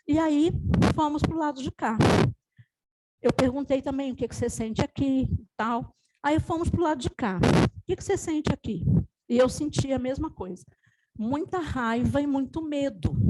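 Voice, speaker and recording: A woman with a high, mellow voice leads a workshop, talking through a case in an explanatory, anecdotal way. She often quotes what she and her client said during the session. She sounds middle-aged. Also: low-quality recording. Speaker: family constellation facilitator. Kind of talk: workshop teaching, recounting a session.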